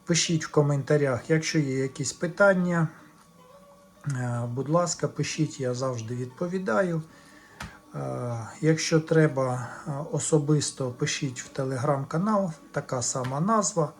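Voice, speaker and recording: A fairly high-pitched man speaks a little slowly as he narrates a repair for viewers, laying out each step in a plain, casual way. He's an electronics repair vlogger; the home-made recording is clearly noisy, with faint music behind him.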